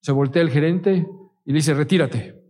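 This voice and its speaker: A man's voice: fairly high pitch, animated, moderate pace. A middle-aged man with a Mexican Spanish accent, preaching a sermon in a conversational way, with stories and rhetorical questions. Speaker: pastor.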